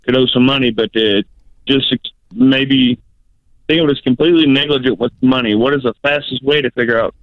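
A man calling in over a tinny, dry phone line. He talks hesitantly and stumbles over his words, with polite sirs and ma'ams. His voice sits at an ordinary middle pitch. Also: a little fast, no echo. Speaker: caller. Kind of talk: casual call-in chat.

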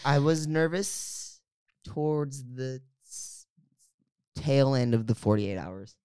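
Young woman co-host, very low voice, dry close mic, teasing casual chat. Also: animated, slow, warm tone, clean tone, no room sound. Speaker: podcast co-host.

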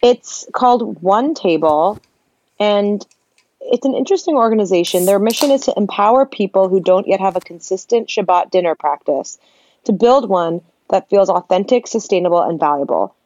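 A woman co-hosting a casual comedic podcast, speaking in a flat, deadpan voice with vocal fry. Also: medium pitch, normal speed, no room sound, highs cut off. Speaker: podcast co-host.

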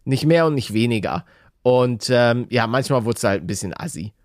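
A man talks casually at a middling pitch. The sound is dry and free of room. He banters in a colloquial, slightly grumbling way, like one half of a podcast duo. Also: lively intonation, moderate pace, no room sound. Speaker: podcast co-host. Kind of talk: casual chat.

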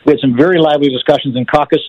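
Fast-talking man over the phone. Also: a little high, fairly even intonation, dry recording. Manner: brisk, frank, stumbles over repeated words. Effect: heard over the phone. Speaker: call-in guest, former politician. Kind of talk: casual call-in chat. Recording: muffled phone line, dry.

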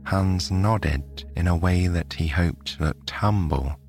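A British man from the United Kingdom narrating a bedtime sleep story in a soft, soothing way. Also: sits low, takes it slowly, soft background music.

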